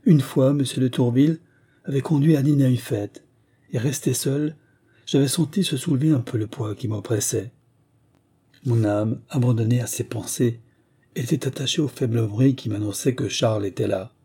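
Man reading a classic novel, husky and mellow. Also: mid-range voice, moderate pace. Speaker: audiobook reader. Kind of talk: scripted narration of a classic novel.

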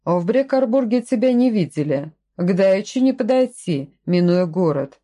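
A woman's voice: mid-range voice, lively intonation, moderate pace, warm tone, close to an everyday voice. A woman reading the lines of a stern, distrustful man who speaks in short commanding phrases in a storybook reading. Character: stern suspicious grown man, curt castle lord.

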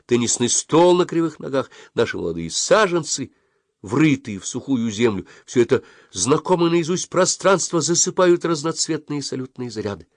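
A medium-pitched man narrates a scripted audiobook in an expressive storytelling style. The studio recording is clean and dry.

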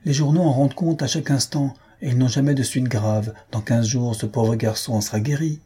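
A man voicing a practical, coaxing middle-aged mother in an audiobook, with a husky, dark voice. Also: medium pitch, fairly even intonation, a little fast, lightly acted. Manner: coaxing, matter-of-fact.

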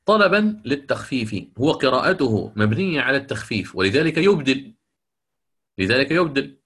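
Man, Quran recitation teacher, bright tone, asks and answers his own questions, slow chanted examples. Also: medium pitch, animated, breathy edge. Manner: explains rules, then slowly chants the verses as examples; asks the class questions and answers them himself. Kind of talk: lecture on Quran readings.

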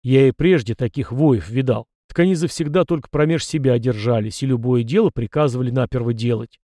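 A man voicing a humble, timid village blacksmith in an audiobook, speaking earnestly and loudly. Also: mid-range voice, brisk, no room sound, studio quality, lightly acted.

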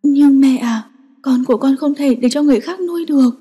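Give me a tearful, stubborn young woman voiced by a woman narrator, pleading in a raised, shaky pitch. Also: a little fast, warm tone, big-room sound, natural voice. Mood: distraught. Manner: high, trembling, pleading.

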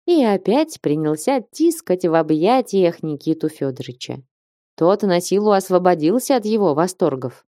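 A woman narrating a classic novel as an expressive audiobook reader. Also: on the low side, normal speed, dry recording, studio quality. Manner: expressive storytelling.

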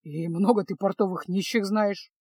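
A woman reading a storybook, voicing a gruff, sardonic male mage in a curt, grumbling manner. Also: medium pitch, animated, moderate pace, no room sound, studio quality. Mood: irritated.

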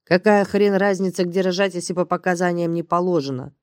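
A woman's voice: lowish voice, steady tone, fairly quick, darkish tone, no room sound, close to an everyday voice. A woman reading the part of a blunt, crude, bossy male handler in an audiobook, in a dry, close recording. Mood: grim. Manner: blunt, rude, slangy and bossy. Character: gruff, crude middle-aged male agency handler.

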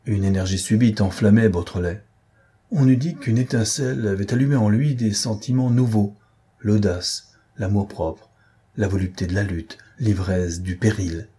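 A man narrating a literary audiobook with measured, dramatic storytelling. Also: on the low side, warm tone, breathy edge.

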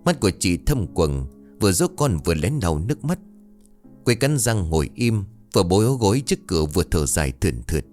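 Man, ghost story narrator, low voice, animated pitch, dramatic scripted storytelling. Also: a little fast, faint music behind.

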